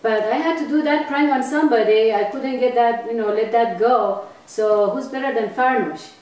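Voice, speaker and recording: A woman's voice: on the high side, moderate pace, a little mellow. Chatty mother, echoey far-off recording. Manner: chatty, with many fillers and restarts. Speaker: interviewee, bride's mother. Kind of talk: casual storytelling. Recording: echoey room, mic far off, faint noise.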